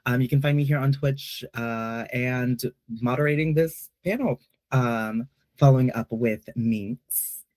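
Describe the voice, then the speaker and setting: A man's voice: medium pitch, unhurried, a little mellow, dry recording. A man from Peru moderating a casual online panel, playful and chatty with lots of fillers.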